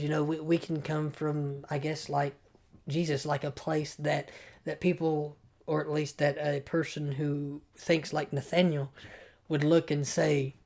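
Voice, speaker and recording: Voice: medium pitch, a little mellow. A Bible study teacher talking casually and thinking aloud, often stopping and repeating words.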